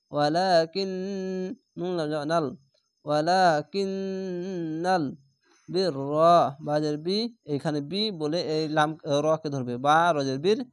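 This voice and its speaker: A man teaching recitation as a lesson. He patiently spells each syllable, explains the rules, then recites the word slowly and drawn out. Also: on the high side, smooth, no echo, studio quality. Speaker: Quran reading teacher.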